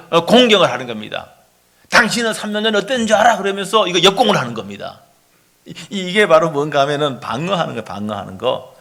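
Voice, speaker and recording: A middle-aged male pastor with a slightly high voice preaches animatedly, frequently throwing rhetorical questions at the congregation.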